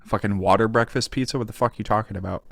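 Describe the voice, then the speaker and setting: A man co-hosting a podcast, trading quick profane jokes in casual banter. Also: fairly low pitch, steady tone, vocal fry. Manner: joking, profane, quick comebacks. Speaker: podcast co-host.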